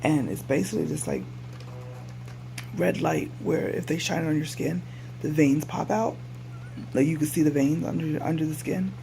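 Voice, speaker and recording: A somewhat high-voiced man with heavy vocal fry, talking casually as he updates viewers. He sounds weary and subdued after surgery, halting and rambling as he goes. There is a faint noisy hum behind him. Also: animated, warm tone. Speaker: patient vlogger. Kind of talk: casual personal update to camera. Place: hospital room. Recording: noisy room recording with hum.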